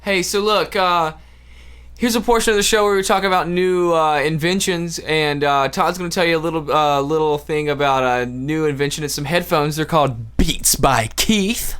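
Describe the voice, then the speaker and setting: A man's voice: fairly high pitch, steady tone, moderate pace, a bit bright, clear, resonant tone. Profane laughing young man telling stories. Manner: crude, profane storytelling with frequent laughter. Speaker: podcast co-host. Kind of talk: casual stoned banter.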